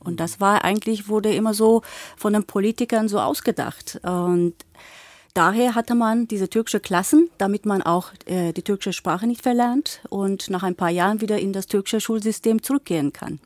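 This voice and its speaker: A woman in her forties, born in Bulgaria and raised speaking Turkish, answering as a talk show guest. She speaks earnestly and fluently, with only the odd hesitation. Her voice sits mid-pitched in a dry, close recording. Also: moderate pace, darkish tone, dry recording. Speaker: guest, teacher.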